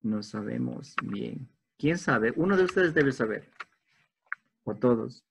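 A man teaching an online English class, explaining grammar step by step in a patient way and slowing down for the English examples. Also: medium pitch, animated, creaky, background noise. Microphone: video call.

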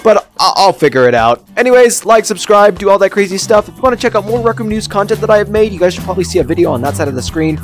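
A man with a high, bouncy voice that swoops up and down, reading out game update news in a playful, energetic way. He keeps it casual and jokey and lets out the odd sudden yell. Soft music plays faintly underneath. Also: quick pace, few pauses. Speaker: gaming news YouTuber. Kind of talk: casual gaming news commentary.

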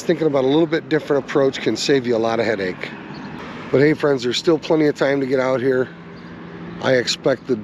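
Man, fishing vlog host, folksy instructive, mid pitch, outdoors, faint background noise. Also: a little mellow. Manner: folksy, instructive, addresses viewers as guys. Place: outdoors on or by the river.

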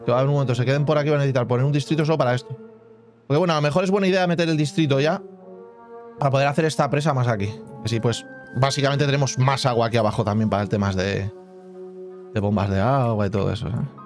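A man's voice: medium pitch, fairly even intonation, rapid-fire, soft background music. A man casually commenting on his own gameplay as a channel host, thinking aloud and humming little sound effects. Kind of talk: casual let's-play commentary.

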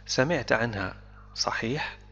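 A man's voice: medium pitch, measured pace, a bit bright, long reverb tail, dull audio. A man teaching English vocabulary, explaining each word in short, repeated steps. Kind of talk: explanatory language lesson.

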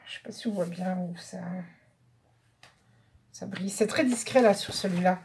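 A woman's voice: lowish voice, moderate pace, darkish tone, slight background noise. A French woman vlogging a craft haul, chatting casually and thinking aloud as she pages through paper pads. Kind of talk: casual show-and-tell.

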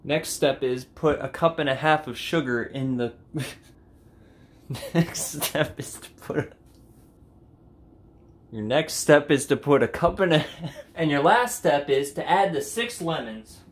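A young man hosting a comedic home cooking vlog, goofy and jokey, sometimes breaking into loud mock commands, filmed in his kitchen on a camera mic. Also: fairly high pitch, animated, unhurried, pauses often, echoey room, slight background noise. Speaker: cooking video host.

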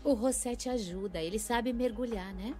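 A woman's voice: on the high side, moderate pace, warm tone, soft background music, close to an everyday voice. An actress with a Brazilian accent dubbing a cool, commanding female drug smuggler in a film thriller. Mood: coaxing, firm. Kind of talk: dubbed film thriller acting.

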